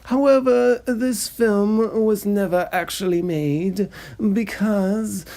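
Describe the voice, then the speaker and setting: Reading the scripted narration of a cancelled film pitch, this narrator and host has a mid-range, warm voice and a slow, steady tone. The reading is formal, pompous, long-winded, and droning.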